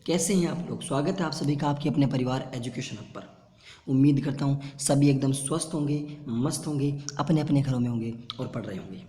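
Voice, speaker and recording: A teacher delivering an online exam-prep lecture in Hindi, he has a mid-range, dark-toned voice. Terms are repeated slowly as he drills their pronunciation, all captured in an echoey room with long reverb.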